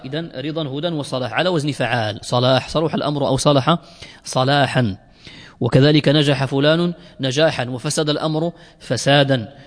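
A man with a fairly high voice gives a grammar lecture to a room of students. He works through each point slowly, repeats key words and stretches out his pauses. The sound rings with long reverb from a lecture hall. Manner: explains slowly, repeats words, drawn-out fillers. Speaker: Arabic grammar teacher. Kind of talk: classroom lecture.

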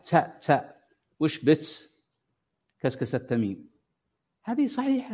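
In a classroom lesson on tajweed, a man teaches Quran recitation, patiently drawing out sounds as examples and quizzing his students. His fairly high voice is warm with a breathy edge, captured on a dull lo-fi recording.

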